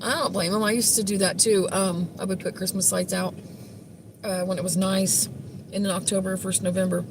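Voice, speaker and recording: A woman's voice: mid-range voice, flat delivery, moderate pace. A woman co-hosting a casual live stream from a car, chatting and reading viewer comments aloud. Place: inside a car on the road. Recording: car road noise.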